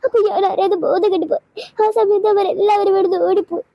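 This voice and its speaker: A woman's voice: very high-pitched, fairly even intonation, fast talker, no room sound, dull audio. A woman voicing a tearful little cartoon girl. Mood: scared, tearful. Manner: whiny, tearful pleading. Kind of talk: cartoon voice acting.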